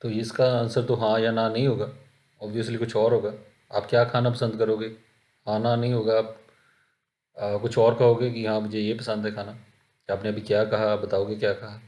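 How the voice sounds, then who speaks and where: A man with an Indian accent teaching a spoken-English lesson, explaining with examples in a steady, patient way. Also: fairly low pitch, moderate pace.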